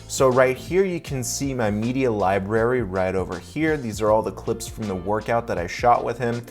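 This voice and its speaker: A young man hosts a sponsored video-editing software walkthrough, explaining each step in an upbeat, casual way. He's a video editor speaking at medium pitch and normal speed, with faint music playing behind him.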